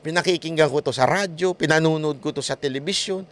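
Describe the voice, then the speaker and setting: A Filipino vlogger delivers animated political commentary in a slightly high voice, talking fast. He mocks his critics and laughs often.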